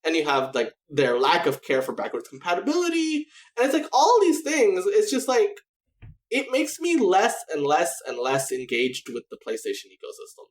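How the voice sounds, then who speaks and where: A man's voice: high-pitched, moderate pace. Guy rambling on a game podcast, voice jumping all over, lots of you know, echoey room. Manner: rambling, animated, many restarts and "you know"s. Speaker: podcast co-host. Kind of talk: casual gaming podcast chat.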